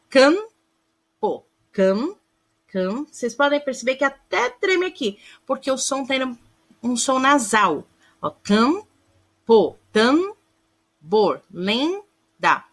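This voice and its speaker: Her fairly high, slightly bright voice guides pupils through a recorded grammar lesson, splitting words into syllables. Affectionate throughout, the primary school teacher calls them "amores" and asks questions to check they follow.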